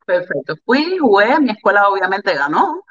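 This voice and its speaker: A woman's voice: mid-range voice, sing-song, moderate pace, fairly bright tone. A woman with a Cuban Spanish accent tells her life story as an interview guest. She speaks candidly and with feeling, often repeating phrases for weight. Her mid-range voice comes through a slightly dull, lo-fi recording. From Cuba. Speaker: interview guest, volleyball player.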